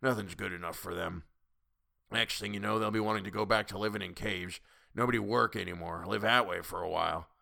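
A man voicing a grumpy, stubborn old village elder who speaks gruffly and petulantly. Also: fairly low pitch, fairly even intonation, brisk, bright, forceful tone, exaggerated voice. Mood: scornful.

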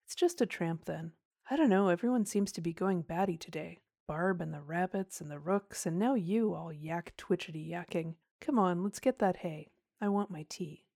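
A woman voicing a practical teenage boy who talks in a brisk, offhand way. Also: lowish voice, gravelly, a little mellow, no room sound, clean studio sound. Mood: dismissive. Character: practical older teenage brother, brisk and dismissive.

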